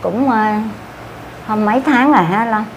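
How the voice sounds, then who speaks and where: Here an older interviewee speaks in a Southern Vietnamese accent, her slightly high voice moving at a moderate pace. She recounts an event as casual storytelling, repetitive and meandering, with lots of fillers, over slight background noise.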